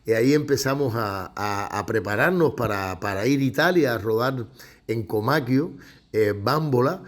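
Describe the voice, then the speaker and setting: Man recalling a film shoot warmly. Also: medium pitch, expressive, moderate pace. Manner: thoughtful, admiring, with restarts. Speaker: interviewed actor and director. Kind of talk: reflective interview recollection.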